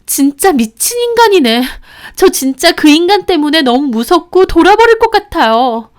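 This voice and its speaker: A woman voicing a frantic middle-aged woman who is furious at a stalker, in a shrill, agitated outburst. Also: big pitch swings, moderate pace.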